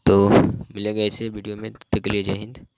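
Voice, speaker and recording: A man's voice: fairly low pitch, completely flat delivery, a little fast, vocal fry, a little mellow, smooth, no room sound, clean studio sound. A male teacher giving a grammar lesson, saying each phrase twice as if for dictation.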